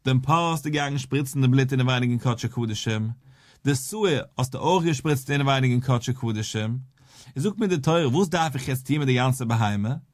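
A man's voice: medium pitch, normal speed, dry recording, studio quality. A rabbi teaching a daily Talmud lesson. He explains step by step, posing and answering questions in a sing-song study cadence.

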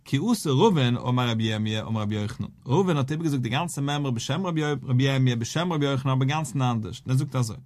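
A rabbi teaching a daily Talmud class, working through the argument and acting out both sides with a rising and falling study chant. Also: male voice, medium pitch, fast talker, hardly any pauses, a little mellow.

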